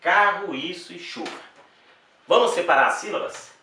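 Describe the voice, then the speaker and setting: A man teaching a Portuguese grammar lesson for exam prep, speaking slowly and deliberately, repeating words and checking in with the class. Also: mid-range voice, animated, bright, forceful tone, slight background noise. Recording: very echoey room, voice from a distance.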